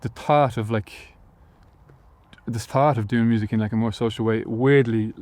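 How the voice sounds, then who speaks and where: There's no room sound around this young adult guest, a musician from Galway with an Irish accent, whose mid-range voice stays steady and slightly dark at a normal pace. He responds to interview questions hesitantly, with plenty of fillers and restarts.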